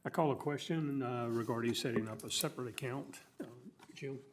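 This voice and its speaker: A man's voice: mid-range voice, brisk, background noise. An American man speaking as the chair of a town council meeting, in an informal procedural style.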